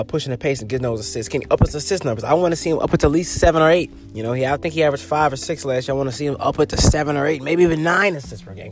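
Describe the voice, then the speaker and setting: A man hosting his own podcast, rambling casually through sports talk with loose, profane wording, fillers and restarts. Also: fairly high pitch. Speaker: podcast host.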